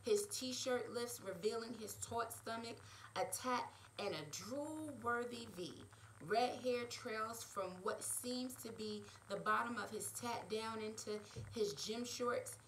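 A woman author reads from her own romance novel in a steady, expressive way. She reads slowly, and her voice is bright. Faint noise sits under the recording. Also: on the high side, low-quality recording. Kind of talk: reading her novel aloud.

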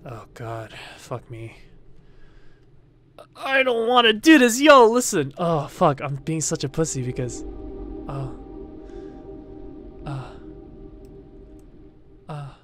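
Male let's-play host, lively and bright, swearing and scared, game music low underneath. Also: slow, pauses often. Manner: jumpy, swearing, self-mocking chatter. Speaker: gaming video host. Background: faint game music.

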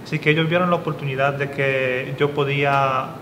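A man's voice: medium pitch, fairly even intonation, brisk, fairly bright tone, reverberant, big-room sound, slight background noise, low-quality recording. A young man from South Korea, a guest in a casual interview, talking thoughtfully and often restarting his sentences. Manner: thoughtful, with frequent restarts and fillers. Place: studio with dark curtain backdrop.

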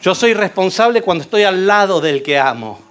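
Telling a Bible story in his sermon, a high-voiced preacher moves at a moderate pace. He brings it alive with animated narration and rhetorical questions.

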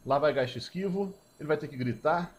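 A man with a Brazilian Portuguese accent commentating his own card-game match, excitable and breaking into shouted celebrations. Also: fairly high pitch, fairly quick. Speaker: gameplay streamer.

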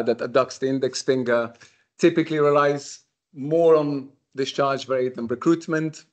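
Man, from Slovenia, university lecturer, middle pitch, casual lecture, ums and restarts. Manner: conversational, frequent ums and restarts. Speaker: university researcher giving a lecture. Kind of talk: academic lecture at a summer school. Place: lecture room.

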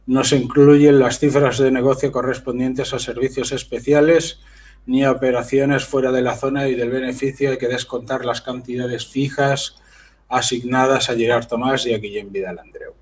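A man, reading handwritten documents aloud in a flat, list-like way, with short comments in between. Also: mid-range voice, normal speed, slightly rough. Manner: list-like reading with brief asides. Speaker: channel host. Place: voice-over on a screen recording.

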